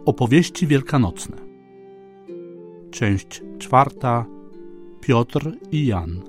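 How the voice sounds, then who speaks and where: A man reading a devotional story aloud as narrator, slow and gentle in manner. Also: mid-range voice, animated. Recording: dry close recording with soft instrumental music.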